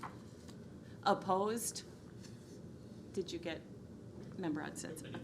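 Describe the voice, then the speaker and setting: A woman with a Minnesotan accent chairs a city council meeting, reading agenda items in formal procedure and saying um frequently. Her voice is lowish, slow and gravelly, and the council chamber recording is noisy.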